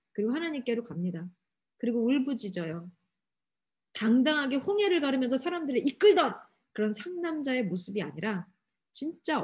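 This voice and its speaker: A woman youth pastor giving a lively sermon to teenagers, asking them many questions and acting out quotes. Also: fairly high pitch, breathy edge. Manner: asks the audience many questions, acts out quotes animatedly. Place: church hall.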